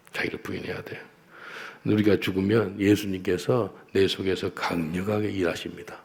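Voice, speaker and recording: Gravelly, low-voiced Korean preacher. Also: male voice, darkish tone. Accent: Korean, with Korean-accented English phrases. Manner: emphatic preaching, leads the congregation in repeated prayers; storytelling, acts out a street encounter with quoted English. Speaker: pastor. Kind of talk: sermon.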